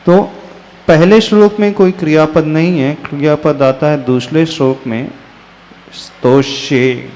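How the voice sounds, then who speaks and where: A man, a Jain monk, teaching a scripture class, who patiently corrects pronunciation and chants verses in a drawn-out tune. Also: a little high, fairly even intonation, a little mellow. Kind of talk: slow sermon-style class with chanted verses. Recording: hall reverb with faint ambient noise.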